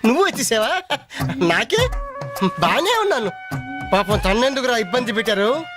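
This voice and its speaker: A sheepish young patient. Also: male voice, very high voice, very animated, moderate pace, music in the background. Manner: sheepish, pleading. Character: embarrassed young man in hospital. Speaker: injured son. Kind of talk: comic film dialogue.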